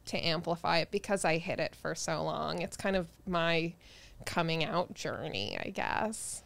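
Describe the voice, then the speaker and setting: A woman's voice: sits low, a little slow, vocal fry, fairly bright tone, no echo. A woman in her thirties from New Jersey, chatting casually as a guest comedian on a podcast and laughing often. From New Jersey, United States. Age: 30s.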